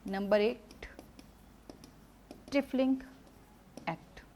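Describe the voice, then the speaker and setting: Animated woman law teacher. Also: a little high, extremely slow, slight background noise. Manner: animated storytelling with everyday examples; mixes Hindi with English legal terms. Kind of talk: live classroom lecture.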